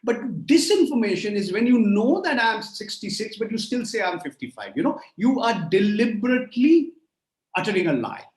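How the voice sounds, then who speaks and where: A guest speaker in his sixties answers audience questions in a lecture over a remote call from a room, emphatic and rhetorical, piling up phrases in lists. His voice sits high and sounds sing-song and darkish, at normal speed, with a reverberant quality.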